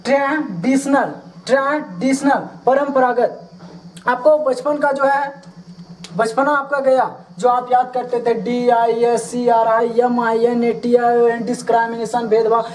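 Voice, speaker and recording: A woman's voice: a little high, fairly even intonation, slow, a little mellow, distant mic, slight background noise, poor audio. A woman teaching English vocabulary, spelling each word letter by letter, giving its meaning, and urging listeners to repeat after her. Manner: coaxing, urges listeners to repeat aloud. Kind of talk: spelling and vocabulary drill lesson.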